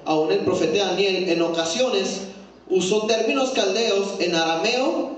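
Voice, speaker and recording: A man teaching a Sunday school Bible class, often checking in with listeners with a quick "¿sí?" and putting questions to the class. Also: high-pitched. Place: echoey church room. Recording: very echoey room from far off.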